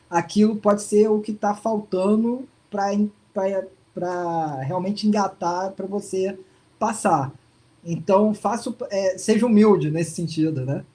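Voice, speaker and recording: Casual and hesitant, a man being interviewed by video call gives a testimonial in a high, mellow voice. He restarts often and leans on fillers.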